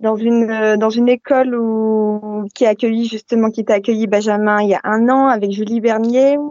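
A woman's voice: a little high, steady tone, moderate pace, mellow, no room sound. A young woman from Brittany calling in to a radio show over an internet call, speaking hesitantly with many fillers. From Brittany, France. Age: young adult. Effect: caller heard over an internet call line. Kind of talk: casual call-in chat. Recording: dull, dry internet call audio.

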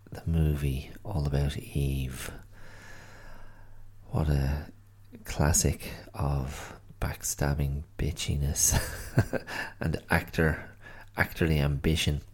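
Very deep and darkish, with a breathy edge, his voice stays level as he takes things slowly. This Irish man hosts a casual solo podcast, tired and a bit stuffy from hay fever, rambling along and frequently correcting himself.

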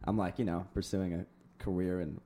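A man's voice: low voice, little pitch movement, brisk, dark tone, slight background noise. A young male singer chatting casually, laid-back and rambling, with casual swearing. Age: young adult. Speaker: singer-songwriter. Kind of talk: casual chat.

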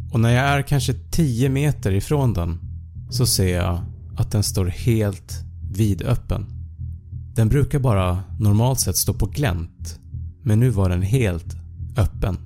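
A man narrating a first-person horror story in a measured, suspenseful way. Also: on the low side, gravelly, dark tone. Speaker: podcast narrator.

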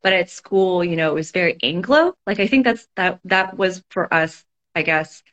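A woman's voice: on the low side, expressive, moderate pace, a bit bright, dull audio. A woman guest in a casual conversation, thinking aloud in a reflective way, with frequent fillers and restarts. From Toronto, Canada.

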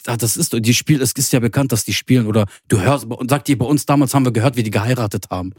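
A young man, a podcast host, telling a spooky story in casual chat, animated and full of oaths, acting out the voices of people he quotes. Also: mid-range voice, very fast, husky, no room sound, studio quality.

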